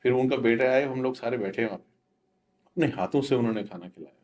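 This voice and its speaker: Talking quickly in a medium-pitched, somewhat dark voice, a middle-aged devotee earnestly recounts his own experience. It's a spoken devotional testimony, sprinkled with English words.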